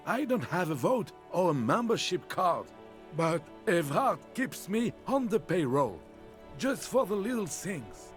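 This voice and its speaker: A man's voice: high voice, sing-song, a little slow, faint music behind. An actor playing a polite, wordy male union ghostwriter in a video game, explaining things with easy courtesy. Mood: friendly.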